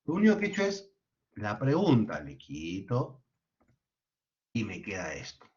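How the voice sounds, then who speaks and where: A man teaching an online class, explaining step by step and often checking in with tag questions. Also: medium pitch. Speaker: lecturer. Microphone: video call. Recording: dull lo-fi video call audio.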